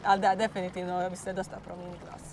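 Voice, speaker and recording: A Croatian teenage girl who sings klapa answers interview questions in halting English with a Croatian accent, stopping to search for words and sometimes lapsing into Croatian. Her mid-pitched voice is slightly hoarse, level, and a little mellow. A faint hiss runs underneath.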